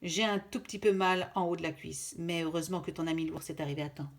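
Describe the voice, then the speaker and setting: A woman voicing a brave, protective father chamois in a storybook reading, firm and loud. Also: fairly low pitch, fairly even intonation, quick pace, close to an everyday voice. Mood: relieved.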